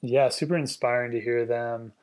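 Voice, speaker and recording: A man co-hosting a podcast, asking guests questions in a relaxed, thoughtful way, often trailing off quietly. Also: medium pitch, normal speed, clean tone. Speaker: podcast co-host. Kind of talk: conversational interview.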